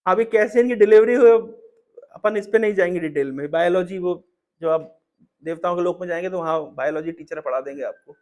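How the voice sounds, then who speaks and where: A man's voice: high voice, a little fast, darkish tone. A man preaching a devotional storytelling sermon, emphatic and repetitive, with frequent rhetorical questions.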